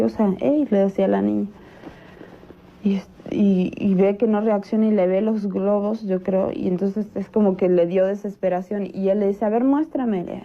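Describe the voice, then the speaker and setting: A woman recounting events in an interview, halting and full of fillers and restarts, on a dull lo-fi recording. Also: medium pitch, vocal fry. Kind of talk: recounted testimony.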